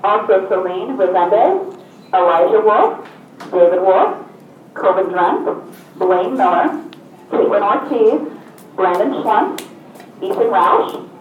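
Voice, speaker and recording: A woman giving a school office page, reading out a list in a flat, matter-of-fact way. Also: mid-range voice, highs cut off. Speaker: school office staff paging students. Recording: echoey, distant intercom-like sound, faint noise.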